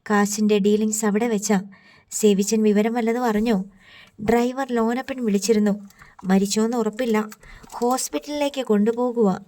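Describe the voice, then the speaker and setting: Mellow-voiced woman reading a novel aloud. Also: on the high side, fairly even intonation, normal speed. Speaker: audiobook narrator. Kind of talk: scripted novel narration.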